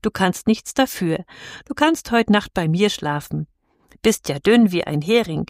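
A woman voicing a kindly old spinster aunt who speaks in a soothing, gentle way. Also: medium pitch, expressive, unhurried, no echo, clean studio sound.

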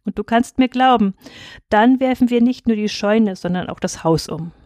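A woman voicing a calm, wise old male saint who speaks firmly. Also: fairly high pitch, moderate pace, no room sound, lightly acted.

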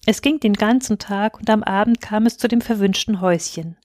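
A woman's voice: medium pitch, fairly quick, darkish tone, no room sound. Woman reading a fairy tale, dry close sound. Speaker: storyteller.

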